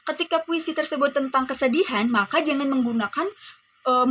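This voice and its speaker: A woman's voice: high voice, bright, forceful tone, slight background noise. A woman with an Indonesian accent teaching a class lesson, explaining to pupils and acting out example readings.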